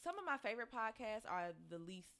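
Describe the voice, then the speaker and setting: A woman co-hosting a podcast in casual chat, animated and talking in quick asides with frequent laughs. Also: on the high side. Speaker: podcast co-host.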